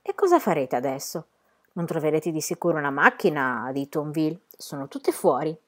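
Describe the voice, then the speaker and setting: A woman voicing a shy, lonely shopkeeper who grows lively in conversation, read from a novel. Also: deep voice, brisk.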